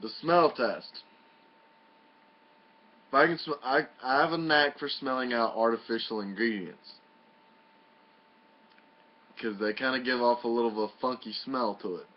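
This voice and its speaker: A man's voice: mid-range voice, unhurried, long pauses. A man giving a casual, folksy and mildly profane review in a home video. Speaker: product reviewer. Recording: muffled lo-fi home video audio.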